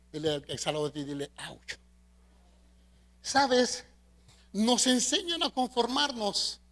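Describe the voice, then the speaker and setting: A middle-aged man with a Mexican Spanish accent preaching a sermon as pastor, leading the congregation in call-and-response and swinging between loud emphasis and soft asides. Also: very high-pitched. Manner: preaching with call-and-response, asking the congregation to repeat after him.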